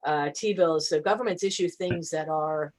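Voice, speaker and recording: A woman's voice: sits low, moderate pace, a little mellow, poor audio. A woman attorney answering audience questions in a conversational way, with frequent fillers and restarts. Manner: hesitant, many fillers and restarts. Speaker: guest attorney.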